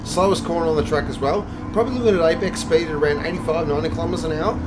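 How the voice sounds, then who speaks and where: A man presenting a track guide for sim racing, explaining each part in a measured but enthusiastic way. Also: on the high side, loud music behind the voice.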